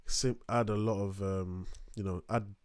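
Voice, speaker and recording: A man's voice: lowish voice, fairly even intonation, a little slow, no room sound, studio quality. A young man giving a casual beat-making tutorial, rambling with lots of fillers and restarts, sometimes drifting off his desk mic. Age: young adult. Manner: rambling, filler-heavy, self-interrupting. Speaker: music production tutor. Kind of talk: casual screen-recorded tutorial. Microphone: desk microphone, sometimes turned away from.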